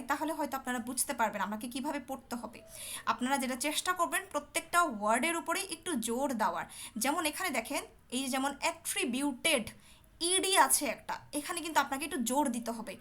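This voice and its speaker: In an online teaching session, a high-voiced woman, sounding pushed and bright, coaches students for an English speaking test by video call. She is patient in her explanations and keeps checking that they understand.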